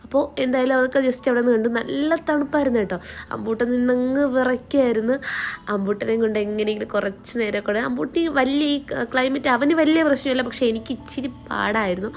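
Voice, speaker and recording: A woman's voice: a little high, quick pace. A woman narrating a casual vlog, chatting in mixed with English words. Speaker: family vlogger. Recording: background music under the voice. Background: music.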